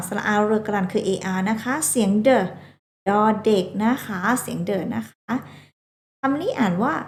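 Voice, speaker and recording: A woman's voice: fairly high pitch, vocal fry, roomy sound. A woman teaching a children's phonics lesson, sounding out English words letter by letter and coaxing the children along.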